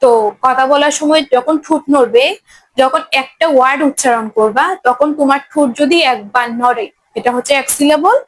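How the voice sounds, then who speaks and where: A woman's voice: high-pitched, rough recording. A woman teaching English grammar in a class, explaining step by step and checking often whether her students follow. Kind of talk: classroom lesson at a board.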